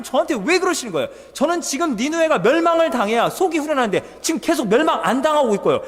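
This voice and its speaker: Brief: a sulking, aggrieved prophet put on by a preacher, high and lively, ringing reverb. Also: male voice. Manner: whining, pleading complaints. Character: angry sulking male prophet Jonah complaining to God. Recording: long church hall reverb.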